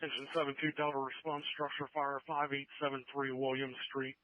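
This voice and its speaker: A man dispatching fire units in steady, clipped calls over police radio. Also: mid-range voice, brisk, a crowd in the background. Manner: steady, clipped unit call-outs. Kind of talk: scanner radio traffic. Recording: tinny scanner radio.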